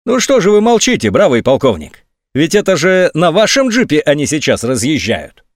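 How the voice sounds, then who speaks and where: A man reading a story aloud, voicing a scornful army general who mocks his subordinate in a high, sneering voice. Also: sing-song, brisk, no room sound, clean studio sound. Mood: sarcastic. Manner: mocking, sneering, sometimes shrill. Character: sarcastic, scornful male army general on phone.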